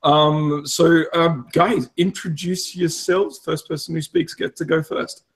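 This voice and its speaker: A man hosting a relaxed interview, self-deprecating and chatty with many fillers. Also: on the high side, a little slow. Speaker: podcast host. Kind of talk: casual interview chat.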